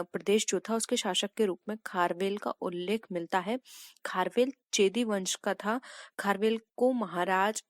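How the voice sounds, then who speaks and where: A woman's voice: mid-range voice, dry recording, clean studio sound. A woman teaching an exam prep lesson, walking step by step through multiple-choice answers and addressing viewers as friends.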